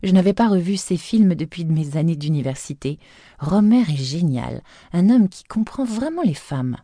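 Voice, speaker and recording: A woman's voice: fairly low pitch, lively intonation, moderate pace, dry recording, studio quality, voice pushed up. A woman reading an enthusiastic middle-aged wife. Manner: bright-eyed, enthusiastic.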